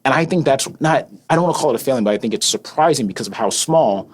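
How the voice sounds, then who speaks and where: A man co-hosting a podcast, chatting casually in a rambling, animated way with many fillers. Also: medium pitch, quick pace, husky. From born in Queens, raised in Albany, New York. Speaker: podcast co-host.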